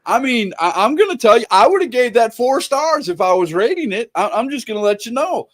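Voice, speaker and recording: Speaking a little fast in an extremely high, very animated voice, a man hosts a casual online interview and reads out viewer questions. He's enthusiastic, repeating words and restarting his sentences.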